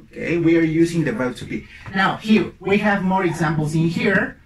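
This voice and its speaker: A man's voice: a little high, animated, normal speed. Young man teaching English at a whiteboard. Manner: drills phrases by repetition, playful asides. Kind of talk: bilingual classroom lesson. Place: small room at a whiteboard. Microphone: camera mic from a few feet away. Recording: roomy, distant mic, faint hiss.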